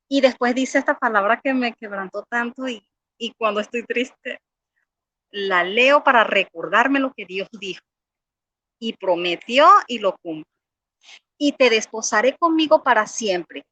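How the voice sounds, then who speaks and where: A woman's voice: on the high side, a bit bright, no room sound. A woman giving an earnest personal faith testimony, reading scripture aloud and often repeating words as she pleads with listeners.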